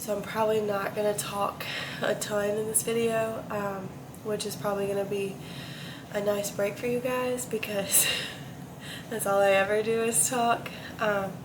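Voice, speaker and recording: There's background noise as a young woman with a mid-range voice chats openly and casually with her vlog viewers. Congested and suffering a chest cough, she sounds stuffed-up, hesitant and wandering in this confessional talk.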